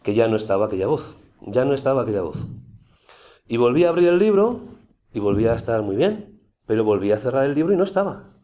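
A man's voice: mid-range voice, fast, pauses often. Man telling his story. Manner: conversational, animated, with many restarts. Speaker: speaker giving a personal testimony. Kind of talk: storytelling testimony to an audience.

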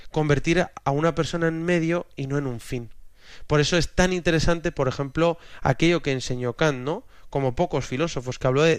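A man's voice: on the high side, no room sound, studio quality. A man in his thirties giving a religious teaching talk, explaining patiently and often ending phrases with a questioning tag.

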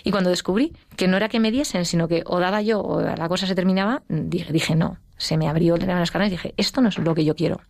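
A middle-aged woman with a Spanish accent, telling her personal story as an interview guest, emotional and quick. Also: fairly low pitch, steady tone, darkish tone, no echo. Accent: Spain. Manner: fast, emotional storytelling with acted quotes. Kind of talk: personal testimony in conversation.

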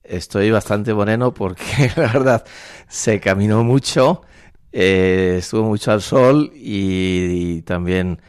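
A man in his sixties from La Mancha in Spain, a priest, speaking thoughtfully with frequent pauses in a radio studio interview. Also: fairly low pitch, a little mellow, smooth, no room sound. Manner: thoughtful, measured, with frequent hesitations. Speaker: priest and university rector. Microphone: studio microphone.

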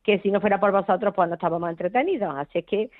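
A woman's voice: mid-range voice, very fast, dry recording. A middle-aged woman with an Andalusian accent chatting casually as a phone-in caller, effusive, affectionate and rambling, over a narrow phone line. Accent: Andalusian Spanish. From Córdoba, southern Spain.

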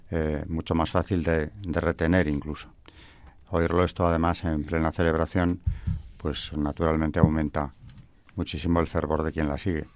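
Deep voiced guy hosting a church radio show, kinda hesitant, dry sound. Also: no room sound. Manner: reflective, with hesitant fillers. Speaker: radio host. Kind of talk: religious radio talk.

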